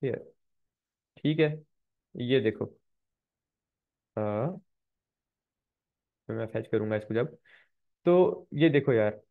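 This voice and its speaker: A man's voice: mid-range voice, animated, extremely slow, creaky, pauses often. A man with a slightly sore throat teaching a programming lecture, walking students through code step by step and repeating key points. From Pakistan. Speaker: programming instructor. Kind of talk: screen-recorded coding lecture. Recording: tinny phone-like recording.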